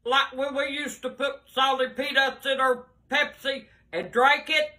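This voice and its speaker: An older woman, a grandmother with an irate, blunt, profane manner, talking casually and often shouting in a home bedroom. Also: sits high, flat delivery, unhurried. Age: older, 60s or above. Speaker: grandmother in prank videos. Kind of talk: casual reactions to pranks. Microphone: handheld phone camera a short distance away.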